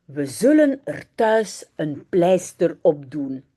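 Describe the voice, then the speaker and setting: A woman reading the lines of a caring little girl who warns and comforts the dog, in a gentle storybook voice. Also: fairly low pitch, sing-song, slow pace, pitched below the performer's own voice, heavily acted. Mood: soothing.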